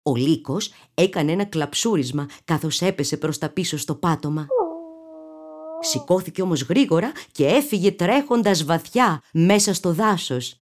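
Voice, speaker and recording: Animated woman reading a children's story. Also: lowish voice. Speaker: narrator.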